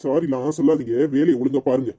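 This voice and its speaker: A brisk hospital doctor in a cartoon, voiced by a man, talks fast in a dark, mellow voice and lectures his staff. He has a Tirunelveli Tamil accent, and the recording sounds dull and lo-fi. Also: mid-range voice, lightly acted.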